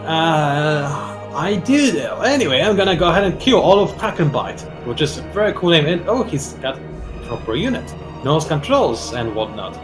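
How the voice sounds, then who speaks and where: A man's voice: a little high, very animated, normal speed, music in the background. Teasing man commentating a strategy game. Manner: teasing and chatty, explains game mechanics. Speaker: strategy game player, channel host. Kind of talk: casual gameplay commentary.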